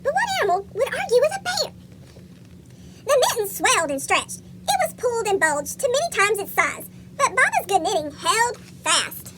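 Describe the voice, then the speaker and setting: A tiny chipmunk tells a children's storybook in a squeaky cartoon voice. It is extremely high and swoops up and down with animation. Loud noise runs through the recording. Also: very animated, moderate pace. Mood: chirpy storytelling. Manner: asks young listeners questions. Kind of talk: read-aloud picture book storytelling.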